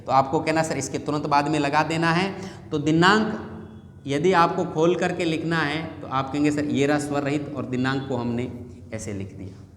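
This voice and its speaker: A man's voice: on the high side, steady tone, normal speed, a bit bright, slight background noise. A male teacher giving a lesson, drilling students with repeated questions and answers. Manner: repetitive call-and-response drilling. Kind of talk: classroom lesson. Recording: echoey long-reverb room.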